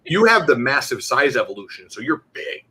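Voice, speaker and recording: Mid-pitched man running a tabletop game. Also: big pitch swings, brisk, pushed and bright, breathy edge. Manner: conversational, directing players with questions. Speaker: game master. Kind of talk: casual tabletop game narration.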